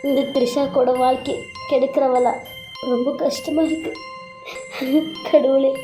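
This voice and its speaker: A woman voicing a gentle, tearful young wife in a cartoon serial, speaking in a soft, pleading way. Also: high voice, little pitch movement, a little slow, over music, poor audio. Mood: sorrowful.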